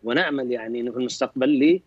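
A man giving military commentary on a talk show, hesitant with many restarts and throat clearing. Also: medium pitch, very fast, dry recording. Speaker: military expert guest. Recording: dull dry remote link.

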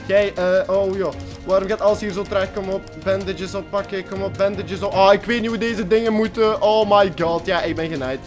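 Excitable high-voiced gamer guy. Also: normal speed, hardly any pauses, music in the background. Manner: excitable, self-mocking, swears and yelps at the game. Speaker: gaming YouTuber. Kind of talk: live gameplay commentary.

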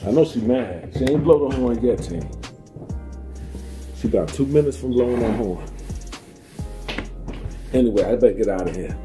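A man's voice: medium pitch, expressive, moderate pace, long pauses. A laid-back man, chatting casually to viewers of his home vlog. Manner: laid-back, folksy, addresses viewers as team. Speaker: vlog co-host. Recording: faint music behind.

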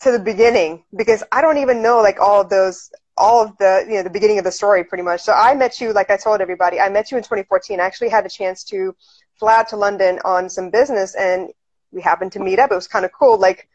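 A woman's voice: medium pitch, fast talker, a little mellow. A woman hosting a live video chat, talking casually and enthusiastically with lots of fillers, on an earphone mic in a small room. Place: indoors, small room, phone selfie. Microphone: wired earphone mic. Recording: slightly dull lo-fi live-stream audio.

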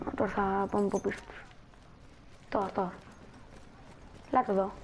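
A woman's voice: mid-range voice, flat delivery, darkish tone, a little hiss or hum, poor audio. A woman giving casual gameplay commentary as a channel host, chatting and talking viewers through her moves.

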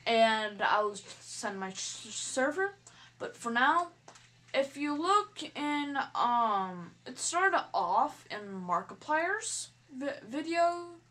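A hesitant woman vlogging while she plays a game, talking at an unhurried, halting pace. Her voice sits a little high, and she stutters and restarts her sentences often. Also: a bit bright. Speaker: gaming YouTuber. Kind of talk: casual vlog talk while playing a game.

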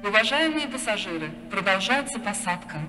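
A woman making measured, formal train announcements over a PA system in a large railway station. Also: mid-range voice, animated, bright, forceful tone, faint music behind. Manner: measured, clipped and formal, slowing on place names. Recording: long reverb of a station hall.

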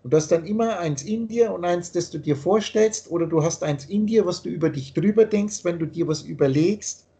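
A man's voice: high-pitched, fairly quick, hardly any pauses, mellow. A man explaining his teaching in a long, earnest monologue, often repeating himself, over a video call. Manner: repetitive, earnest, lecturing.

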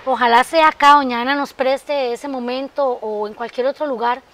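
Sewing teacher lady on a tv interview, really high voice, earnest and emphatic. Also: fairly even intonation, moderate pace, a bit bright. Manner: heartfelt, emphatic, addresses the host by name. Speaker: guest, sewing workshop teacher. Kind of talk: interview answers.

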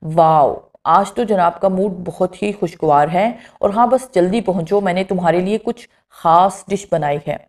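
A woman's voice: lowish voice, few pauses, darkish tone, lightly acted. A woman reading the lines of an affectionate, playful young woman in love, in a storybook reading. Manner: affectionate, teasing.

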